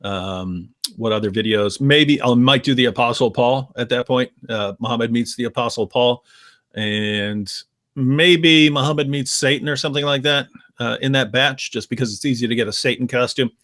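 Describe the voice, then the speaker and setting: A man speaking as a guest on a live-stream discussion, emphatic and argumentative with quick asides. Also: mid-range voice, fairly bright tone, no echo, clean studio sound.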